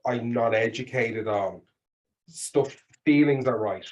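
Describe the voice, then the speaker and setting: A man's voice: mid-range voice, slow pace, a little mellow, highs cut off. Middle-aged Dublin man, chatting informally. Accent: Dublin Irish. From Dublin, Ireland. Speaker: interview guest, storyteller. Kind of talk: casual conversational interview.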